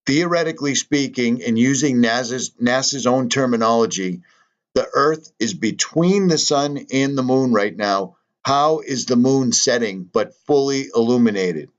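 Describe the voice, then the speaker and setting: A man's voice: medium pitch, unhurried, muffled recording. A man, talking casually in a vlog and pressing rhetorical questions. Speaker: channel host.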